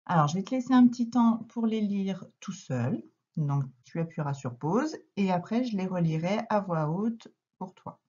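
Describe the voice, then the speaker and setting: A woman's voice: mid-range voice, lively intonation, moderate pace, dark tone, husky, lo-fi sound. A woman teaching a reading lesson to young children, speaking patiently and sounding out letters and syllables one by one. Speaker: primary school teacher.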